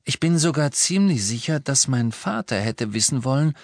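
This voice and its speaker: A man's voice: mid-range voice, lively intonation, moderate pace, no echo, clean studio sound, pitched above the performer's own voice, lightly acted. A man voicing a determined, blunt teenage boy wizard in an audiobook, speaking firmly and accusingly.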